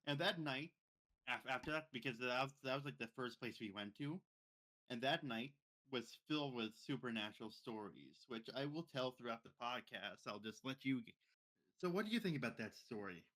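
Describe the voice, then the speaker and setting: A man's voice: mid-range voice, animated, normal speed, a bit bright. A young man casually telling a story on a podcast, rambling with many repeats and restarts. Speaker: podcast co-host.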